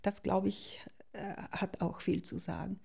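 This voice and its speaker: A middle-aged woman, thoughtfully telling her life story as an interview guest and often pausing to search for words. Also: mid-range voice, flat delivery, creaky, a little mellow, slightly rough, whispered. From South Tyrol, Italy. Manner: thoughtful, searching for words with many pauses and restarts. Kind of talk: reflective personal storytelling.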